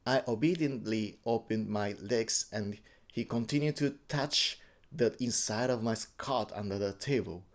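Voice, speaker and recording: With a voice on the low side, a man from Japan gives an interview about his own experience. His English is halting and Japanese-accented, and he often repeats or corrects words.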